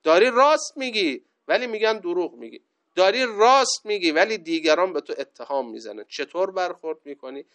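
A man giving a religious lecture, reciting Arabic sayings slowly and then explaining them point by point. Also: sits high, expressive, a bit bright. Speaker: preacher.

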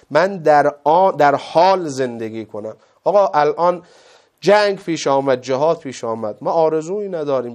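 A man preaching a sermon with passion, rising to loud exclamations and dropping to soft asides, acting out the dialogue of his story. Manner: impassioned, swings between loud exclamations and soft low asides; acts out quoted dialogue in the story.

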